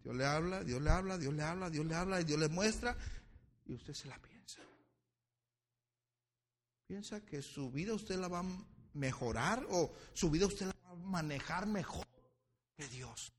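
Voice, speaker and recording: A man's voice: a little high, animated. A male pastor preaching a sermon with impassioned delivery. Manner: impassioned preaching, dwells on words slowly.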